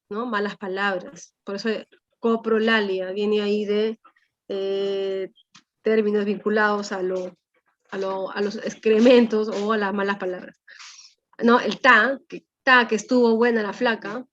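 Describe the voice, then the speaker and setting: A woman teacher, explaining a language lesson to her class and often checking in with her students through tag questions. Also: on the high side. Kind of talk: class lecture. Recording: dull lo-fi sound.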